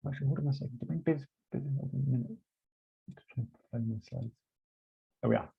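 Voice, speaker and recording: A man's voice: medium pitch, fast, creaky, slightly rough. A man with a Scottish accent giving an online lecture on law, hesitant, with many fillers and restarts, heard over a muffled video call.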